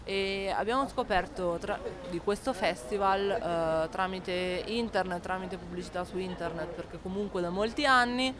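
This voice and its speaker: A woman's voice: mid-range voice, normal speed, few pauses. A woman in her twenties from Umbria, Italy, speaking in a chatty way and searching for words in a vox pop. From Marsciano, Umbria, Italy. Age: 20s. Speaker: festival visitor. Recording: outdoor festival crowd.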